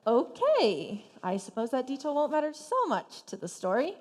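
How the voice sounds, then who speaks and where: Woman narrating a fairy tale on stage, patient but fed up, bouncy high voice, echoey hall. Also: wildly swooping pitch, normal speed, darkish tone, slight background noise. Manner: patient, exasperated storyteller. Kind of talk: stage play storytelling. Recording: stage in a reverberant hall with music.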